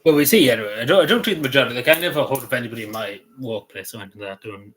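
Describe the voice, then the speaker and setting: This Irish YouTuber answers his live chat casually and ramblingly, full of "you know" and restarts. His medium-pitched, fairly bright voice is expressive and rapid-fire.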